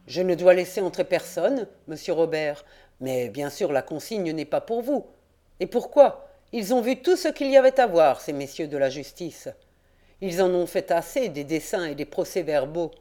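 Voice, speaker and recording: A woman's voice: fairly low pitch, expressive, moderate pace, mellow, close to an everyday voice. A woman doing a grumpy old rustic caretaker. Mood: grumbling. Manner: gruff, indignant, folksy country speech. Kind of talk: audiobook character reading.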